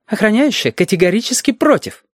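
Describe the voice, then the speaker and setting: A man's voice: sits high, expressive, a little fast, no echo, clean studio sound, pitched above the performer's own voice. A man voicing a scornful, sly middle-aged woman official who needles the others in an audiobook. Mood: tense. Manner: mocking, needling. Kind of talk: audiobook character voice.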